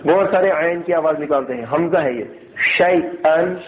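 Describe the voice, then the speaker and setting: A man's voice: on the high side, a crowd in the background. Man teaching in an echoey room. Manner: asks students questions and repeats key points; slowly drills syllables aloud, half-chanted. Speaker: Quran recitation teacher. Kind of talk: classroom tajweed lesson. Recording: echoey room, thin phone-like sound.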